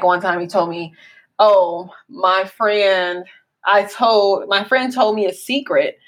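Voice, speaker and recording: A woman co-hosting a casual parenting podcast, talking earnestly with many fillers. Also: mid-range voice. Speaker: co-host.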